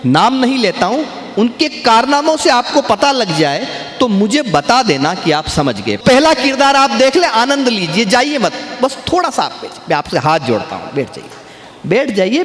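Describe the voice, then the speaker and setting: A man performing comic poetry on stage, chatting to the crowd and then drawing out his verses slowly and with force. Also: very high-pitched, very animated, a bit bright. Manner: chatty asides to the crowd between slow, drawn-out, declaimed verses. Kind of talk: humorous poetry recitation to a live audience. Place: live poetry-gathering stage in a large hall. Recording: echoey hall with long reverb, faint ambience.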